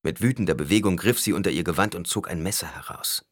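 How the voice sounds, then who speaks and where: A man reading a novel aloud as narrator, measured and storytelling. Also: low voice, no room sound, clean studio sound. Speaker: audiobook narrator. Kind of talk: scripted narration.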